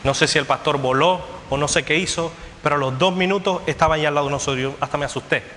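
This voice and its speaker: A pastor preaches a sermon in a bright, forceful voice a bit higher than most men's, talking fast. He drives his points home through repetition in a steady preaching cadence, with a long church hall echo over faint room noise.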